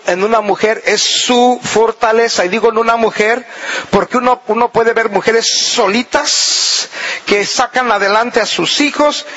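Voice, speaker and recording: A man preaching a sermon, folksy and humorous, acting out everyday scenes. His voice sits fairly high and his delivery is slow. The recording is a bit muffled, with faint ambient noise. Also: fairly bright tone.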